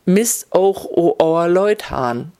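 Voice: mid-range voice, expressive, very slow, dark tone. Stern judge, read by a narrator. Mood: gruff, dismissive. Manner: curt, dismissive. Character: stern grumpy old male judge.

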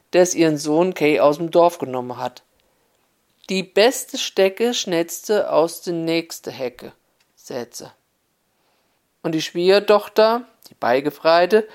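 A woman's voice: low-pitched, darkish tone. A woman with an Upper Hessian dialect accent, telling a fairy tale in a homely storytelling manner.

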